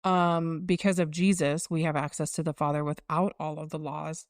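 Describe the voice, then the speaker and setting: A woman's voice: low-pitched, level tone, normal speed, dry recording, clean studio sound. A woman in her forties co-hosting a casual faith podcast, reflective and explaining things in a teaching tone. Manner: reflective, circling back, teaching tone. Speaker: podcast co-host.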